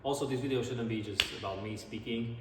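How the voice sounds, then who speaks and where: A man from Slovakia with a Slovak accent, talking casually and earnestly to his vlog audience in slightly halting non-native English. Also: mid-range voice. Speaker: drifter and car-building vlogger. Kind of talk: casual vlog talk to camera. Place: large indoor garage. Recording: echoey garage, distant mic, background noise.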